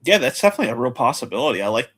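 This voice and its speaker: Male betting-show host, relaxed and chatty, mid pitch. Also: racing, breathy edge. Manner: relaxed, chatty, rattles off lists. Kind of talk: casual betting talk.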